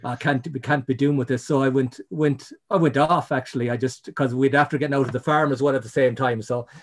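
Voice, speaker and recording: A middle-aged Irish ecologist, a guest in a casual interview, tells his story in a medium-pitched, steady voice at a slightly fast clip. He rambles, restarts often and leans on "you know".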